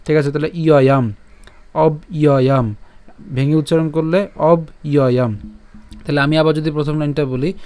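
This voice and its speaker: A man teaching Sanskrit verse pronunciation, breaking words into syllables, repeating them slowly and often asking whether listeners follow. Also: a little high, darkish tone, clean tone, dry recording. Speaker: Gita recitation teacher. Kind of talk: pronunciation lesson.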